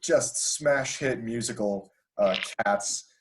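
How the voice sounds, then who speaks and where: A man's voice: medium pitch, slow pace, a little hiss or hum. A man hosting a casual podcast, joking around with friends and rambling through lots of filler words. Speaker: podcast host.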